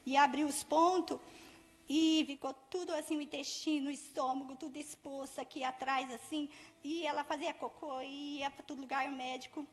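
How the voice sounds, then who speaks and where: A middle-aged woman with a Brazilian accent tells her testimony in a high voice. She talks with deep feeling and swells loud and higher still when she quotes her prayers. The sound carries through a big church with a long reverb. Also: steady tone, normal speed. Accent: Brazilian Portuguese, São Paulo interior. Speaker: church member giving a testimony. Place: large church hall.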